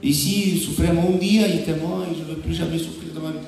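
Male pastor, high-pitched, preaching with emphatic swings from loud to hushed; cavernous church echo, distant pickup. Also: fairly even intonation, quick pace, gravelly, background noise. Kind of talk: sermon. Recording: very echoey, from far off the mic.

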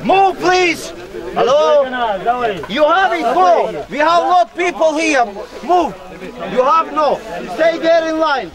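A man shouting short commands to keep a food queue in line outdoors. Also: extremely high pitch, animated, takes it slowly, pauses often. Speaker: food distributor managing a queue. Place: outdoors at a crowded distribution. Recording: loud crowd noise outdoors. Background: loud crowd.

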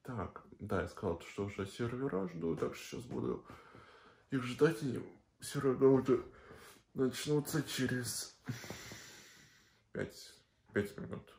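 A man's voice: medium pitch, takes it slowly, vocal fry, pauses often, darkish tone. A young man chatting casually and slangily in a rambling video diary. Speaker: vlogger. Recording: faint background noise with clicks.

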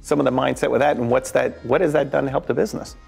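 A man's voice: mid-range voice, steady tone, very fast, vocal fry, a little mellow, faint music behind. A man in his forties hosting a restaurant show, asking questions in an upbeat, joking way. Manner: upbeat, joking, eats while talking. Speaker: show host. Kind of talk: casual interview. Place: brick-walled restaurant booth, indoors. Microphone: lapel mic.

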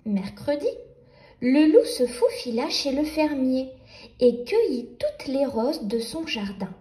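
A woman gently reading a picture book aloud for young children. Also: high-pitched, sing-song, slow, echoey room. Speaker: storyteller.

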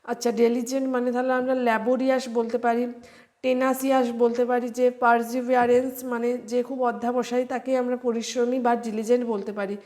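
A woman teaching English vocabulary for exams in an online lesson, spelling words out letter by letter and pausing with "ah". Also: fairly high pitch, flat delivery, a little mellow. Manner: slow, spells words letter by letter, fills pauses with "ah".

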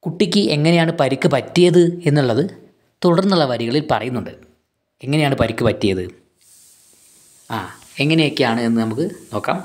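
A man's voice: medium pitch, expressive, a little fast, pauses often. A man teaching a school poem in a casual lesson. He talks patiently, going back over points and asking questions to answer himself.

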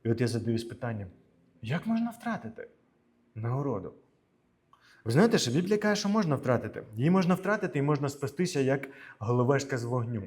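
A man preaching a sermon as pastor in a church, moving between loud emphatic lines and quiet asides and asking the congregation questions. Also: mid-range voice, sing-song, fast talker, slightly rough. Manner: asks the congregation rhetorical questions. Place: church in Canada.

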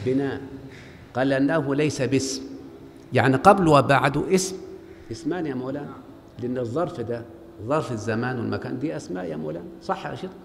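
A man's voice: medium pitch, lively intonation, racing, gravelly. A man with an Egyptian accent lecturing on Arabic grammar in a large mosque, questioning his students call-and-response style. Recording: long hall reverb, faint background noise.

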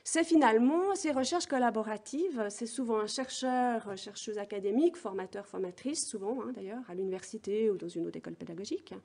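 Brief: middle-aged woman, academic keynote, fairly high voice, measured delivery, stops often on "euh", lectern mic. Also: darkish tone. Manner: measured, thinking aloud with frequent hesitation fillers. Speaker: keynote speaker, education researcher.

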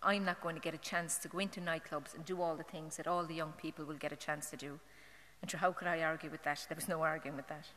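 A middle-aged Irish woman giving a personal testimony as a mother at a parish novena, earnest and halting, with fillers and restarts. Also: low-pitched, steady tone, fairly bright tone. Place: church. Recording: long church hall reverb.

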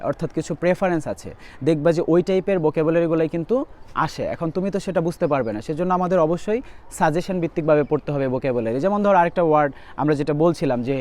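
Man, young adult, English tutor, rapid drilling of vocabulary lists, high-pitched. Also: darkish tone. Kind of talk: admission test vocabulary lesson.

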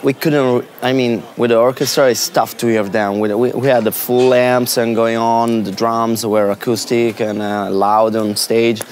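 Male band member, halting backstage interview, faint ambience. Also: mid-range voice, little pitch movement, darkish tone, a little hiss or hum. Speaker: band musician. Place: backstage room with curtains.

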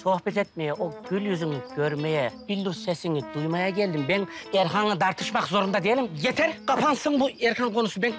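A man's voice: high voice, fairly quick, hardly any pauses, close to an everyday voice. An actor playing a lovesick, hot-headed young man who complains dramatically in a sitcom. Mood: pleading. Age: young adult. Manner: dramatic, exaggerated, whiny outbursts. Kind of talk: TV sitcom acting. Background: background music.

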